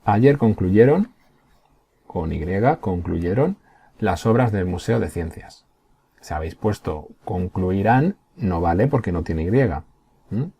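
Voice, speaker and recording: A man teaches a primary class, his deep, mellow voice carrying a slight husk. He explains patiently one step at a time and keeps checking that the pupils follow. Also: lively intonation, takes it slowly, gravelly, husky. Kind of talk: recorded remote class.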